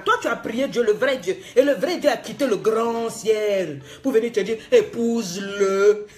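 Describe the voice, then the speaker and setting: A woman life coach giving a motivational talk, scolding and mocking her listener with laughs, slipping in English phrases. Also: high-pitched.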